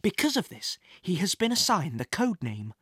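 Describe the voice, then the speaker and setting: A woman narrating a children's adventure story in an expressive storybook reading style. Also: lowish voice, normal speed. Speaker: audiobook narrator.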